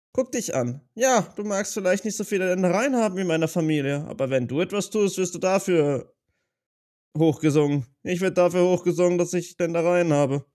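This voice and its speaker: Male player in character, higher-pitched, reflective, hesitant delivery. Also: a little mellow. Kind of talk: in-character tabletop role-play.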